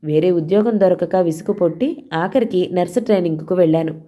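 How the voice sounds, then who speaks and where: A woman reading a first-person story aloud as an audiobook narrator, in a calm, measured way. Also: fairly low pitch.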